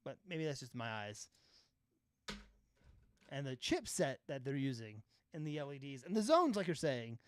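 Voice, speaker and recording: A man's voice: medium pitch, sing-song, moderate pace, pauses often, slight background noise. A man chatting casually on a live stream as a filmmaker, rambling with lots of fillers, swearing now and then. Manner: rambling, filler-heavy, swears and laughs often. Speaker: filmmaker live-streaming his color grading.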